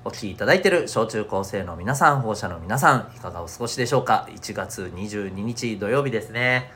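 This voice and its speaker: This time the stuffy-nosed host sounds lower, brisk and lively, with a fairly bright tone and a little hiss or hum in the recording. He's still chatting alone to schoolchildren and parents in courteous, cheerful presenter language.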